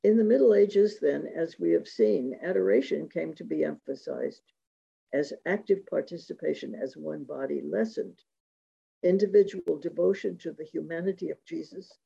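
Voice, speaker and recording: A man giving a reflective talk on religious devotion, measured and reading quotations aloud, in a dull lo-fi recording. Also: a little high, creaky, warm tone, husky. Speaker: speaker giving a talk on Eucharistic spirituality.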